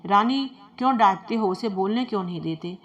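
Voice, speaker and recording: A woman's voice: mid-range voice, a little fast, fairly bright tone, highs cut off, close to an everyday voice. A woman voicing a shrewd, commanding queen who coaxes and questions. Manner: commanding, coaxing.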